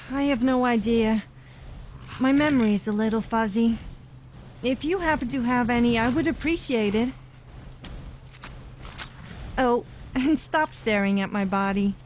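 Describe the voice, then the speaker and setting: Woman playing Sophia, a cocky higher-voiced adventurer. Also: unhurried, long pauses, slight background noise, lightly acted. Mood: sheepish, teasing. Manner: cocky, sarcastic, teasing. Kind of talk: comedic voice acting for a video game follower.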